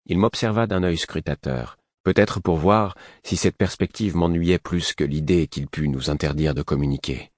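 A man reading a novel aloud as a calm, even first-person narrator. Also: sits low, moderate pace, few pauses, no room sound, studio quality. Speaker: audiobook narrator.

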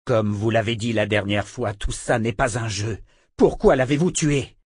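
A man's voice: lowish voice, moderate pace, slightly rough, no echo, clean studio sound. A man voicing a heated, accusing young man in an audiobook. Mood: angry. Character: angry young man, defiant.

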